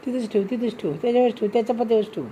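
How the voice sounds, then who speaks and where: A woman's voice: on the high side, very fast, mellow, dull audio, a little hiss or hum. A woman, casually chatting and teasing her daughter during a meal at home. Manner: teasing, coaxing, laughing often. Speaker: vlogger filming her daughter. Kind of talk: casual family chat.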